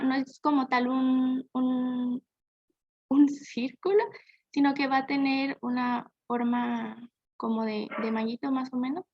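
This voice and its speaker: A young woman presents to her class in a high, gravelly voice, pausing on fillers and correcting herself as she goes. The recording is dry and dull, with a lo-fi edge. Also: darkish tone, dry recording. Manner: hesitant, frequent fillers and self-corrections. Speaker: student presenter.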